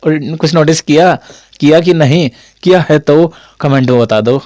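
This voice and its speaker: A man's voice: fairly high pitch, moderate pace, a little mellow, no echo, studio quality. A young man teaching a casual online Hindi grammar lesson, chatty and repetitive, with a sore throat from a cold. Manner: chatty, repetitive, jokey asides to students.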